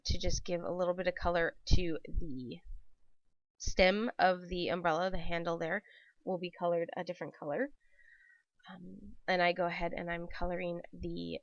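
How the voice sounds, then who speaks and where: In a dull, dry voice-over recorded at home with no echo, a woman with a lowish voice hosts a laid-back papercraft tutorial. Her throat is scratchy and dry from a cold. The talk rambles along with plenty of ums and corrections.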